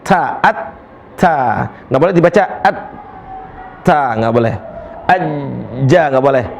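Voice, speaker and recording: A man's voice: medium pitch, expressive, gravelly, a little hiss or hum. A man teaching Quran recitation in a tajwid lesson. He chants verses, drills letter sounds over and over, and corrects students. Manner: demonstrates letter sounds slowly and repeatedly, then corrects students; switches between explaining and chanting verses.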